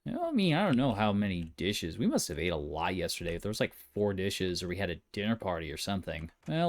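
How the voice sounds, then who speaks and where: Man, low voice, jokey, talks to himself, casual gameplay commentary. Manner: jokey, mutters to himself while playing. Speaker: let's player.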